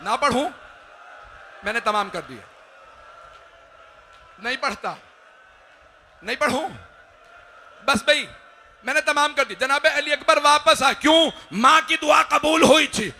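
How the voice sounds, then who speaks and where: A man giving an impassioned Muharram majlis recitation, crying out the story and dropping into low, quiet asides. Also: measured pace, long pauses, slight background noise. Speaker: majlis orator.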